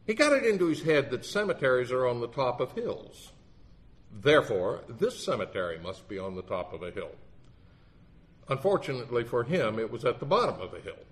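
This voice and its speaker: A man's voice: mid-range voice, very animated, fairly quick. A man in his sixties with a legal background, giving a sermon in a wry, earnest storytelling manner. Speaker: lay preacher with a legal background.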